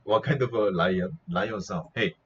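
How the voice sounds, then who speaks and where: A man's voice: sits low, unhurried, slightly rough. A young man with a Korean accent hosting a live animal sound guessing game, teasing his viewers, laughing a lot and imitating animal calls. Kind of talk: playful live chat with viewers. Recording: slightly dull lo-fi stream audio with faint noise.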